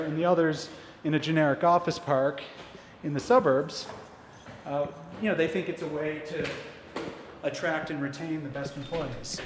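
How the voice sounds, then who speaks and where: A man's voice: a little high, a little hiss or hum. A man out of breath, talking casually while climbing stairs, with some restarts. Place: indoor stairwell. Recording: echoey stairwell with ambience.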